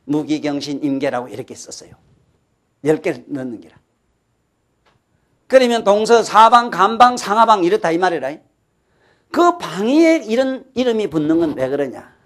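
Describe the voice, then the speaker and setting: High-voiced older Gyeongsang man lecturing. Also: sing-song, normal speed, pauses often. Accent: Gyeongsang Korean. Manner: folksy, keeps checking with listeners, asks rhetorical questions. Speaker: folk-culture lecturer. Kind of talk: lecture to an audience.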